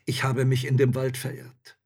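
A man's voice: medium pitch, monotone, normal speed, darkish tone, pitched above the performer's own voice, close to an everyday voice. A man voicing a cautious, timid hunter in a storybook reading, speaking in a hesitant way.

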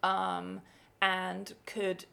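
A young Englishwoman whose accent is part Australian co-hosts a casual podcast chat, laughing often and filling her speech with likes and ums. Her voice is fairly low, gravelly and sharp, monotone with drawn-out words.

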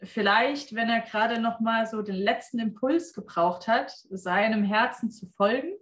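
A woman's voice: on the high side, moderate pace, roomy sound. A German-speaking woman hosting a casual podcast interview, laughing often and talking with plenty of fillers. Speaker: podcast host.

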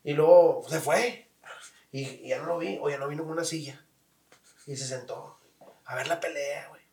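A man with a higher-pitched voice, chatting casually as host and spinning stories in slang. He sounds a bit distant from the mic, in an echoey room. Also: moderate pace, darkish tone, a little hiss or hum. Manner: storytelling, slangy, acts out voices in his anecdotes. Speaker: podcast host. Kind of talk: casual chat.

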